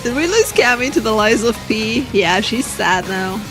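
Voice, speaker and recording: A woman's voice: on the high side, animated, moderate pace, rough recording. A woman livestreamer giving casual live reaction commentary with dry, offhand remarks. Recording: clear music in background.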